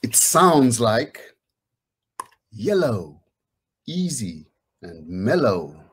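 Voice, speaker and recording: A middle-aged man reads picture books in a sing-song, very slow manner, his mid-range voice carrying a breathy edge. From a small room at home, he chats casually with children and encourages them to join in.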